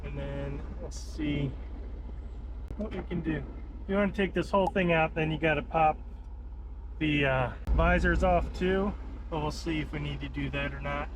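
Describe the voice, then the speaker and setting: With clear vehicle noise behind him, a man with a fairly high voice talks at a moderate pace while installing something for a how-to video. He's relaxed and unscripted, working with his hands and thinking out loud.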